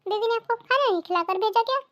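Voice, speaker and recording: A woman's voice: extremely high pitch, fast, fairly bright tone, a little hiss or hum. A woman voicing a cold, sarcastic younger daughter-in-law in a cartoon. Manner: sarcastic, snappish.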